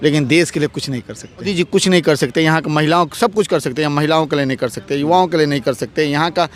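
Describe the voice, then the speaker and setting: Man, slightly high voice, advocate arguing hard in a street interview, emphatic and repetitive. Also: quick pace. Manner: forceful, repetitive, rhetorical questions. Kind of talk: heated political interview.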